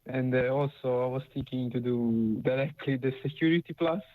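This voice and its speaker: A male caller comes through as if on a speakerphone, his voice dull and lo-fi with no room sound around it. He speaks at a medium pitch. He talks haltingly, stopping often on fillers as he puts his question. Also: dry recording. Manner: hesitant and halting, with many fillers. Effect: internet call that sounds like a speakerphone. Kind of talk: call-in question. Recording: dull lo-fi call audio, dry.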